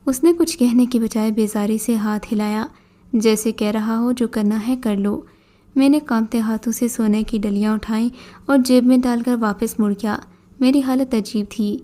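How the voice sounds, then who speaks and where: A woman giving a scripted narration of a horror story in a measured storytelling manner. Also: a little high, mellow.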